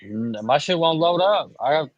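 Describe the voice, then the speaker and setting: A man's voice: fairly high pitch, animated, moderate pace, no echo, dull audio. A man on a sports panel chatting casually in blunt, slangy, sweary talk.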